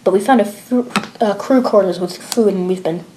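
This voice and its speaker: A woman voicing a worn-out male soldier stranded for weeks, reporting in a hushed, tired way, in an amateur read-aloud of a horror log. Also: medium pitch, normal speed, background noise, natural voice. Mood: weary.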